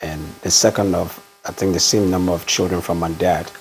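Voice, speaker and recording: Middle-aged Liberian pastor, very deep voice, unhurried interview answers. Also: male voice, fairly even intonation, soft background music, low-quality recording. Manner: measured storytelling, frequent "uh" pauses. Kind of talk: conversational interview.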